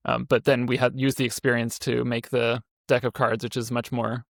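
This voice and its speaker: Man, thirties, slightly gravelly, mid pitch, casual rambling podcast guest, dry mic. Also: level tone, normal speed, fairly bright tone, no room sound. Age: 30s. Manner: rambling, self-correcting, frequent fillers. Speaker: indie game developer guest. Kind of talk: casual interview talk.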